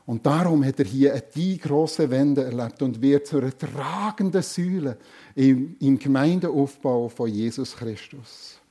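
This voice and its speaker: A man's voice: mid-range voice, measured pace, dark tone, breathy edge. A man preaching a sermon earnestly, repeating key phrases for emphasis.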